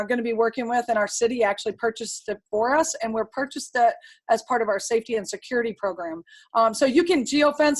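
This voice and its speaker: A woman giving a webinar talk in a bright, fairly high voice. She rushes along, excited and breathless, hardly stopping to breathe. She stumbles through fillers and restarts as she explains. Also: low-quality recording. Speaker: guest presenter. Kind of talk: webinar presentation. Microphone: webinar audio.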